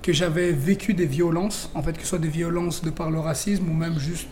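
A man's voice: on the high side, fairly even intonation, moderate pace, a little mellow, a little hiss or hum. A young man from Belgium, a rapper guest in a radio interview, talking chattily with many fillers and restarts.

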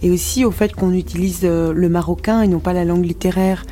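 A woman's voice: fairly low pitch, fairly even intonation, brisk, mellow, a little hiss or hum. A woman from Morocco, speaking frankly as a musician guest in a radio interview, with many restarts and fillers.

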